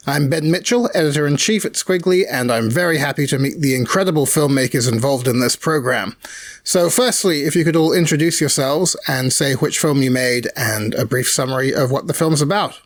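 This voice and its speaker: A man's voice: on the high side, fairly quick. A man hosting and moderating a festival Q&A, giving a friendly, formal introduction and asking the directors questions. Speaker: host and magazine editor.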